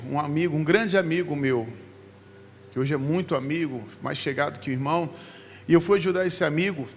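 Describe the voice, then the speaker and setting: A man's voice: a little high, slight background noise. A male pastor telling a personal testimony to his congregation in a conversational sermon. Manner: conversational storytelling, addressing the congregation. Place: church sanctuary. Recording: church reverb with instrumental music.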